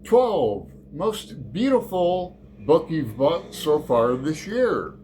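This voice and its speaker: A man with a fairly high, warm voice and wide swings in pitch chats about a book tag on his channel, going slowly. He rambles and hesitates, dropping in many fillers, while slight background noise sits underneath.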